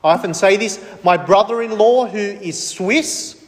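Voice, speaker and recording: Speaking a little slowly, a notably high-voiced male preacher presses his sermon emphatically, asking his audience questions and then supplying the answers. His words echo with the long reverb of a big hall.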